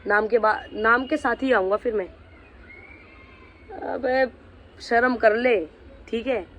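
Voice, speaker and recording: A man's voice: very high voice, slow, a bit bright, lo-fi sound, slight background noise. Angry young man ranting in a vlog. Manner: heated, confrontational, addressing someone directly. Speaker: vlogger.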